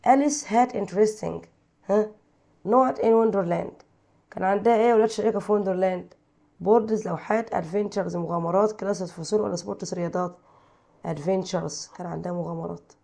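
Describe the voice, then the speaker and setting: Brief: Egyptian woman teacher, dark gravelly voice, reads English exercises aloud and quizzes the class in Arabic. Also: medium pitch, fast talker. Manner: reads English then translates, quizzing pupils. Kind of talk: textbook exercise lesson.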